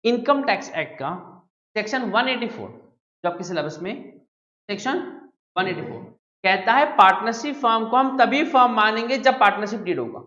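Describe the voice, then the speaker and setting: A woman's voice: fairly high pitch, lively intonation, moderate pace, fairly bright tone. Quizzing woman lecturer in an echoey classroom. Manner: keeps quizzing the class and repeating key terms. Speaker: tax law lecturer. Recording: echoey room, dull lo-fi sound.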